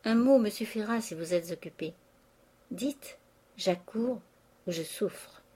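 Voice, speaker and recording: A woman reading an audiobook, voicing a young woman's love letter in a slow, tender, pleading way. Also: medium pitch, mellow, slightly rough.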